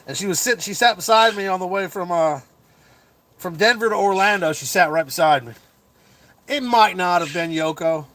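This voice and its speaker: A middle-aged man hosting a casual livestream chat as a comedian, rambling with lots of fillers and quick chuckles. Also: high voice, fairly bright tone. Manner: chuckling, full of fillers and restarts.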